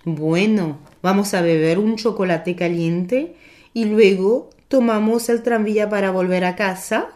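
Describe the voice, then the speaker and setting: A woman's voice: mid-range voice, unhurried, darkish tone, natural voice. A woman voicing a loving older grandmother in a storybook reading, who talks in a worried, breathless way. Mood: tender. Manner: breathless and worried, then tender. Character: older grandmother, affectionate and fretful. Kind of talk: storybook narration.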